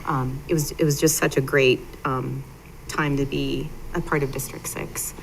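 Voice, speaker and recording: Board member lady, really low flat voice, gets emotional, faint room hum. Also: creaky, low-quality recording. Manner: warm-hearted, emotional, halting with fillers. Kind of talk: board meeting remarks.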